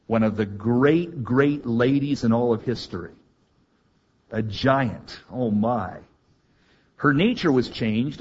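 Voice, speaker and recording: A husky-voiced male preacher giving an expository sermon in a dramatic manner, acting out scripture and asking the congregation questions. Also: mid-range voice, highs cut off.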